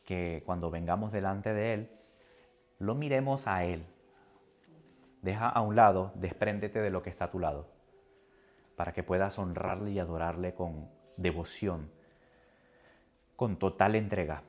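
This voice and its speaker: A man preaching a sermon with a personal testimony, animated and moving between soft and loud. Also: sits low, measured pace, pauses often, lo-fi sound.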